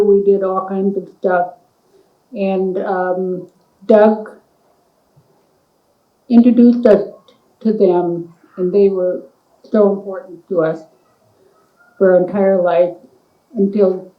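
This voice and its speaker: A woman reminiscing at a memorial service, speaking in a slow, halting way with many pauses. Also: medium pitch, reverberant, muffled recording.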